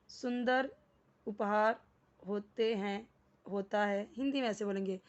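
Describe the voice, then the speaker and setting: A woman teaching a spoken English lesson in Hindi, moving slowly through each sentence word by word. Her voice sits a little high and her pace is very unhurried. The recording sounds dull and lo-fi. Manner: slow, explains word by word, mixing English words into Hindi.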